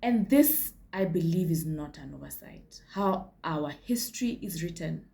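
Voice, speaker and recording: A woman's voice: sits low, lively intonation, a little slow, creaky, mellow. A Kenyan woman hosting a casual history vlog, chatty, with frank asides and slips into Swahili. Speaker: history channel host.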